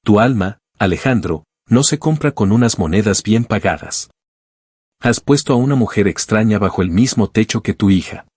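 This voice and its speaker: A man's voice: lowish voice, expressive, normal speed, a little mellow, husky, no room sound, clean studio sound. A man voicing a severe village priest who speaks with cold reproach in a spoken story. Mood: stern.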